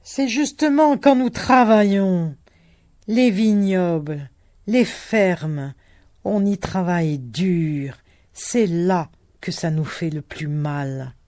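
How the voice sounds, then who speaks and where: A reader voicing an old, worn-out peasant laborer who shouts his bitterness against the wind. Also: mid-range voice, takes it slowly, no room sound, studio quality. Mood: bitter outcry.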